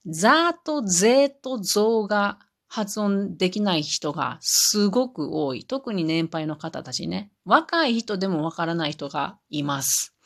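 A woman's voice: sits low, gravelly, a bit bright. A woman talking on her own in a chatty, explaining way, amused by her examples. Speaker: podcast host. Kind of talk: solo podcast talk.

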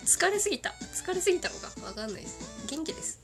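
A woman in her thirties hosts a loose solo radio chat, giggling often and talking freely. She has a cold and sniffles between lines, and her pitch bounces widely with music playing underneath. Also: big pitch swings, fast. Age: 30s. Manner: giggly, chatty, doing cartoon character impressions. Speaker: radio show host.

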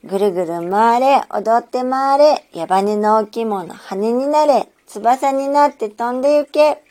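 A woman voicing an excited little girl who plays with her doll, in a sing-song childlike manner for a storybook reading. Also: a little high, unhurried, close to an everyday voice. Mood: playful.

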